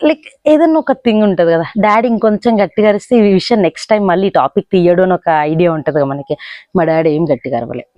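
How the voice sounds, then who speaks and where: A young woman tells a story from her student life in a relaxed, chatty vlog. Her voice is dark and mellow. She is recorded close and dry, slipping English words and a friendly "bro" into her talk. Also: fairly low pitch, fast talker, no room sound. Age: young adult. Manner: chatty, mixing English into Telugu, fond of "like" and "bro". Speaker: vlogger. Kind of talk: casual storytelling.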